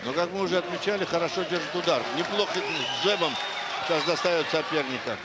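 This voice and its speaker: A man commentates live on boxing in a slightly high voice. A roaring crowd and heavy arena noise sit behind him. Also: quick pace. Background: loud crowd.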